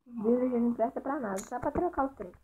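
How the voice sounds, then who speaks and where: Mineira woman hosting a gaming channel, higher voice, chatty play-by-play, tinny lo-fi mic. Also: quick pace. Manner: chatty, talks to the animals and viewers as she plays. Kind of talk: casual Minecraft gameplay commentary. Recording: tinny lo-fi mic with faint hiss.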